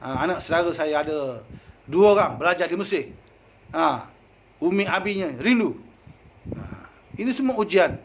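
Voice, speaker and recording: A man with a Malaysian Malay accent giving a folksy sermon, dropping frequent "ha" interjections and swinging from loud to soft. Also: fairly high pitch, lively intonation, normal speed, long pauses, slight background noise. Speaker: preacher.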